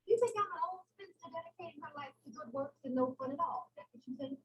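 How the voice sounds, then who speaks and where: A woman's voice: sits high, fast, roomy sound, distant mic, muffled recording, a loud crowd, natural voice. A woman playing a cool businesslike divorcee. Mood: guarded. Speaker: film character.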